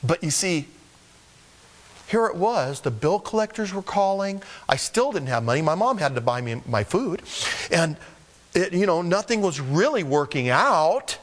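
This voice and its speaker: A middle-aged male preacher delivering a sermon in an animated, storytelling way. His voice sits a little high and leaps up and down in pitch as he acts out voices. He keeps it conversational and personal. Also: a little slow.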